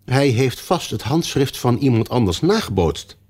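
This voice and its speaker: A man's voice: mid-range voice, big pitch swings, normal speed, darkish tone, pitched above the performer's own voice. A man doing a pompous, flustered king. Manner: pompous, hasty. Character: pompous, flustered old king presiding over a court.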